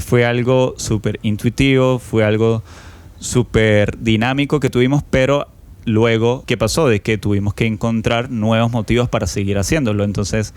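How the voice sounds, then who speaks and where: A man hosting a podcast, telling a childhood story in an unhurried, reflective way with frequent fillers. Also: fairly low pitch, darkish tone. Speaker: podcast host. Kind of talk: personal storytelling monologue.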